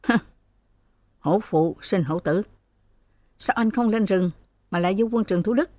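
A woman's voice: medium pitch, a little slow, mellow, dry recording, natural voice. A woman reading the lines of an arrogant, mocking male police officer in an audiobook. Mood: sneering. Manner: mocking, bullying.

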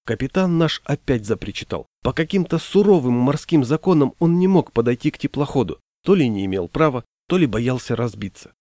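A man narrating an audiobook in a measured storytelling manner. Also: mid-range voice, big pitch swings, warm tone, no room sound, studio quality.

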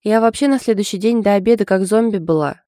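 A woman's voice: mid-range voice, fast, dark tone, no echo, clean studio sound, voice pushed up, close to an everyday voice. A woman voicing a cheerful, brash young married woman in an audiobook.

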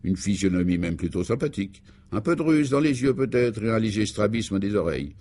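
Deadpan male radio narrator. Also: lowish voice, fairly quick. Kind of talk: scripted radio serial narration.

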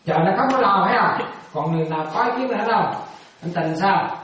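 A man's voice: high voice, expressive, fast, noisy background. A man, a Buddhist monk giving a dharma talk, playfully quizzing and teasing his listeners with a chuckle. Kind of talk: dharma talk with audience questions. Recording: echoey hall, voice from a distance.

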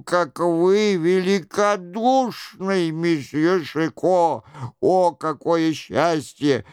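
A man voicing a fat, cowardly monk who wails and pleads in a drawn-out, lamenting way. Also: high voice, smooth, dry recording, studio quality, pitched above the performer's own voice.

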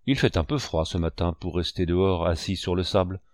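A man's voice: low-pitched, brisk, dry recording, natural voice. A man voicing a sly one-legged pirate cook who speaks with ingratiating, false courtesy in an audiobook reading. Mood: wheedling.

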